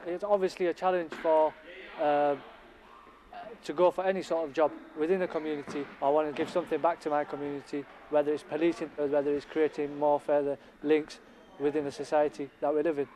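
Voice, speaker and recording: A man's voice: a little high, flat delivery, a little fast, mellow, a little hiss or hum. A man in his twenties with a Hull accent, giving earnest interview answers and searching for words. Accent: Hull English. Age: 20s.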